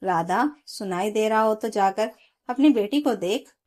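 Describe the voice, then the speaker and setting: A woman's voice: medium pitch, unhurried, a little mellow, lightly acted. A woman storyteller voicing a stern, bossy mother-in-law who scolds her daughter-in-law. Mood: scolding.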